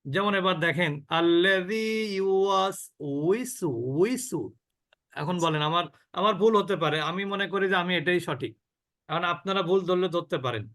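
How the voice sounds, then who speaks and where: A man with a high voice leads an online recitation class. He draws out syllables slowly to demonstrate them and keeps asking the students questions. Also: sharp tone. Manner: slow drawn-out demonstrations of sounds, asks the class questions. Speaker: Quran recitation teacher.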